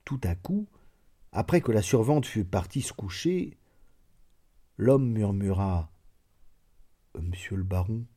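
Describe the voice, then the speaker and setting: A man reading a classic story aloud in an expressive, measured storytelling manner. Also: lowish voice. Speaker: audiobook reader. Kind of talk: literary narration.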